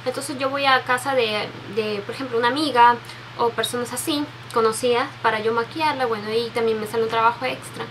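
In poor audio with slight background noise, a young Peruvian beauty vlogger in her 20s speaks softly and fairly quickly, her voice a little high with fairly even intonation. Sitting at a desk webcam in her bedroom among makeup shelves, she reads out questions for a casual Q&A tag video, sentimental and full of restarts and fillers.

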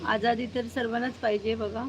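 A woman's voice: on the high side, little pitch movement, a little fast, a little hiss or hum. A woman hosting a casual live stream at home, cooing baby talk to her cat and dog and scolding them sharply. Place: outdoors at home near a gate.

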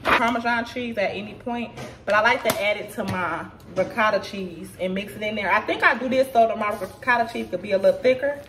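A woman's voice: medium pitch, brisk, hardly any pauses. A woman in her thirties, a little tipsy, chatting to viewers as she walks through a home recipe in her kitchen. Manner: chatty, talks to viewers as "y'all". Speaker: vlogger cooking at home. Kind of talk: casual cooking walkthrough. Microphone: camera set back at counter. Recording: distant camera mic with room noise.

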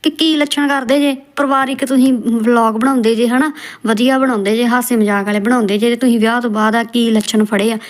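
A woman's voice: on the high side, fairly even intonation, fairly quick. A woman roasting video clips in a scolding, mocking tone. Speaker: roast commentator.

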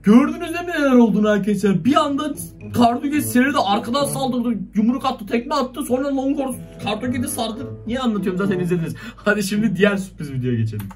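A man with a strikingly high voice gives excited, slangy reaction commentary to his viewers. He sits back from the mic. Faint music plays behind him. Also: fast talker, hardly any pauses, recorded from a distance. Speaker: video reaction host.

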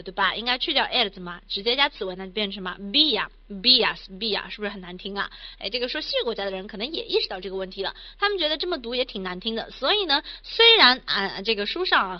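A woman teaching a recorded language lesson, upbeat and coaxing, firing off rhetorical questions and chanting verb endings in a drawn-out singsong. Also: on the high side, lo-fi sound. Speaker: Spanish teacher.

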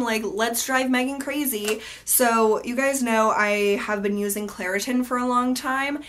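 A woman's voice: a little high, fairly bright tone. A young woman from the United States chatting casually through a beauty product review, sounding nasal and stuffed up from allergies, with lots of fillers. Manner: chatty, upbeat, many fillers and likes. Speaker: beauty vlogger.

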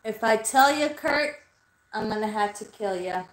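This is casual livestream chat from a woman in her thirties who works as a spiritual medium, talking into a desk-distance webcam in a small red-lit bedroom. She rambles and swears freely, her medium-pitched voice expressive and moderately paced. The room sounds roomy and the audio quality is poor.

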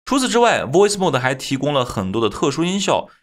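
A man narrating a scripted software tutorial as its host, explaining things step by step. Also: a little high, very animated, brisk.

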